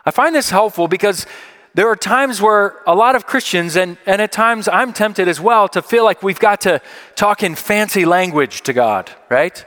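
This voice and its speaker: A man's voice: high-pitched, normal speed, fairly bright tone. A man preaching a sermon in a conversational, emphatic way, repeating key phrases for weight. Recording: long hall reverb.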